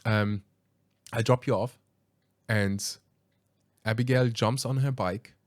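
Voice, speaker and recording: A man hosting a podcast, telling a story in a casual, animated way, acting out quoted lines and hesitating with ums and restarts. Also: fairly low pitch, takes it slowly, no room sound, clean studio sound. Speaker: podcast host.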